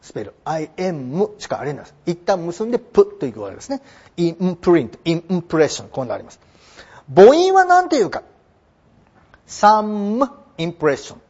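Lively high-voiced man teaching English. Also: breathy edge. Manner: lively, chatty, slows down to spell out English words. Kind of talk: explanatory lesson. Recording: dull lo-fi recording.

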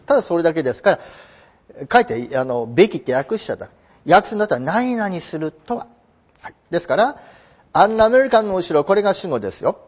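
A man teaching English in a lively lecture, his high voice leaping up and down as he stresses points. His tone is husky, and the recording sounds muffled and lo-fi. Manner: animated, emphatic explaining; reads English slowly. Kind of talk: lecture explaining an English passage.

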